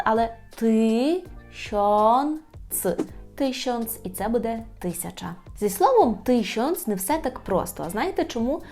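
A woman teaching a language lesson, explaining patiently, often asking "right?" and repeating words slowly. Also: a little high, mellow.

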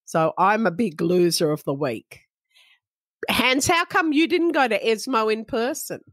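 A woman co-hosting a podcast, chatting in a playful way with quick asides. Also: fairly high pitch, lively intonation, fairly bright tone, no room sound. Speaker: podcast co-host. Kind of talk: casual chat.

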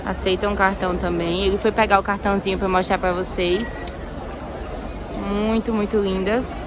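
A woman's voice: medium pitch, level tone, normal speed, a crowd in the background. A woman touring a clothing market on her phone camera, talking through a face mask and pointing things out to viewers. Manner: chatty, keeps saying "ó" and "olha só" to viewers. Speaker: shopping vlogger. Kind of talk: casual market tour vlog. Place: busy indoor clothing market. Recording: crowded market noise behind.

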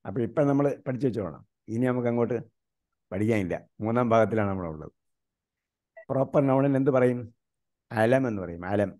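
A man from India teaching an online grammar class, quizzing his students with repeated questions and slowly reciting grammar terms. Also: mid-range voice, darkish tone.

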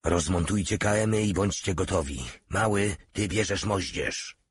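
A stern older squad leader giving orders, as a man reads him aloud. The voice is low, gruff and commanding. A heavy husky grain runs through it. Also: moderate pace.

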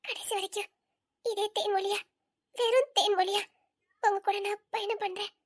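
A woman's voice: very high voice, steady tone, moderate pace. A woman playing a tearful, wounded young wife. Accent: Tirunelveli Tamil.

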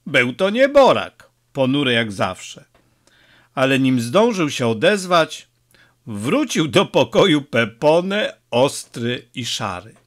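A man narrating an audiobook in an expressive, measured way. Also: medium pitch.

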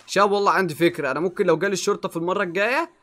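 A young man with an Egyptian accent giving excitable let's play commentary, swinging from muttering to yelling. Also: high-pitched, rapid-fire. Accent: Egyptian Arabic. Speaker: gaming YouTuber.

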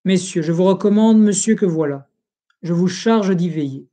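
Audiobook: reader doing an older king facing death, calm authority, warm low tone. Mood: commanding. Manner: measured, commanding tone.

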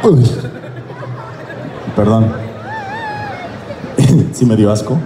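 Filmed from among the audience, this voice actor guest at a fan convention cracks jokes for the crowd and laughs at them himself, drawing out his words in a fairly low-pitched voice. He uses a handheld mic on stage in a big indoor convention hall packed with people, where the sound echoes and the crowd is loud.

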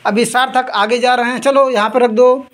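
Two children play a toy-finding game run by a woman whose voice is a little high. She gives lively play-by-play, quickly repeating item names to hurry them, and laughs and scolds between rounds.

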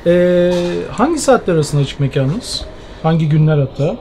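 A man in his sixties hosting a food show at a cafe, tasting dishes and speaking in a measured, appreciative way with many hesitations. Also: fairly high pitch, sing-song, a crowd in the background. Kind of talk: casual tasting interview. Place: outdoor cafe terrace.

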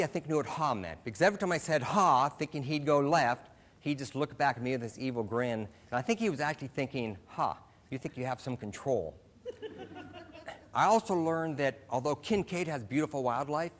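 A man's voice: a little high, a bit bright. Man telling a comic story on stage. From Alaska. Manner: self-deprecating storytelling with comic timing. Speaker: speaker. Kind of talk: humorous short stage talk.

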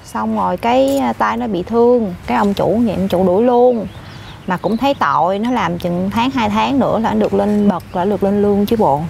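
An actress playing a gossipy office worker, speaking with a Southern Vietnamese accent and a complaining manner. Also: female voice, medium pitch, brisk, creaky, darkish tone, slight background noise. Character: gossipy middle-aged woman office worker. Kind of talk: comedy sketch acting. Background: faint background music.

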